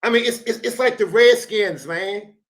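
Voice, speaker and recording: High-ish guy ranting slangy dating advice, loud bursts, echoey room. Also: normal speed. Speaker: show host reacting to a dating clip. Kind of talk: animated reaction commentary. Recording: roomy echo.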